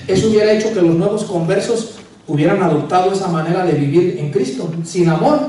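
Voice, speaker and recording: A man's voice: high voice, brisk, warm tone. A male pastor preaching a sermon, calling the congregation brother and sisters and acting out quotes from a couple. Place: church sanctuary. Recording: echoey room, voice from far off.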